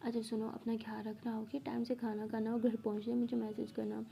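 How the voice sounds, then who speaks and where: Woman voicing a tender teenage girl, soothing, coaxing, mellow, fairly high voice, spoken story. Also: level tone, a little fast, creaky. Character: tender teenage girl comforting her girlfriend.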